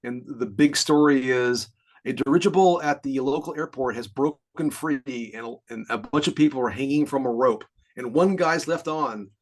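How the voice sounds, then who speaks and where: A man's voice: mid-range voice, normal speed. A man in his fifties co-hosting a podcast, chatting casually in a rambling, explanatory way with frequent chuckles. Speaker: podcast co-host. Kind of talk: casual chat.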